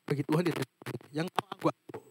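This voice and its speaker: A man's voice: fairly high pitch, rapid-fire, noisy background. A young man giving a casual devotional sermon over a video call, chatty and informal, often trailing off with fillers. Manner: chatty, fillers and english words. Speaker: youth devotional speaker.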